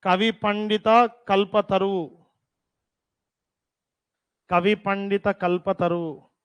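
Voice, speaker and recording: Slow high-voiced man dictating to a class. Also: steady tone, clean tone, no echo. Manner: repeats terms slowly for dictation, teasing scolds. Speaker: teacher.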